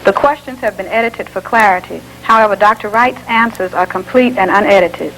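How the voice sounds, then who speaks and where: A woman narrator reading an introduction and questions aloud in a measured, formal way. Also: mid-range voice, background noise. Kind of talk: scripted narration.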